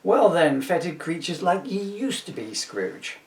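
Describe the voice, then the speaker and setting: A man acts out a henpecked Christmas spirit in a comic audiobook, heard in an echoey room a little away from the microphone. The ghost grumbles in rambling, sardonic fashion, with a very lively pitch and mock-old-fashioned words. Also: unhurried. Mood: matter-of-fact, gleeful. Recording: roomy, echoey, distant microphone.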